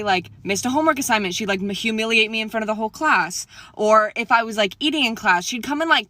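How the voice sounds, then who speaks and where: Bright, fast-talking woman. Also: fairly high pitch, dry recording. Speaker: TikTok creator. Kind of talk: casual storytelling to camera.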